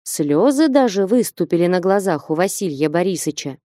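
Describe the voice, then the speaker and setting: A woman narrating a classic novel aloud in a measured, expressive way. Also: fairly low pitch, no echo, clean studio sound. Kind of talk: audiobook narration.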